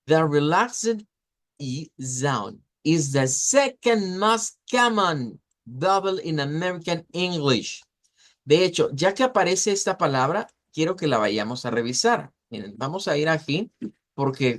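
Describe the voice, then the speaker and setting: Man teaching pronunciation, repeating words. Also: medium pitch. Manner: explanatory, repeats words slowly to model sounds. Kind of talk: online class lecture.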